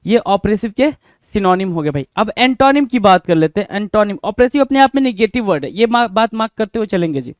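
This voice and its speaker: A man's voice: sits high, lively intonation, fairly quick, dry recording, studio quality. A man with an Indian accent, a Hindi speaker, teaches English vocabulary for exam prep and keeps asking rhetorical questions, calling the viewers "bhai".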